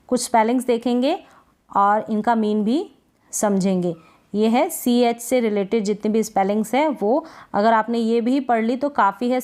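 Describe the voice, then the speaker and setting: A woman teaching English phonics in a Hindi accent, her voice sitting a little high. She stretches each practice word out and keeps asking what it should be read as, like a patient teacher. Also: darkish tone. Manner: drawn-out word repetition, quizzing questions. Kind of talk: slow phonics lesson.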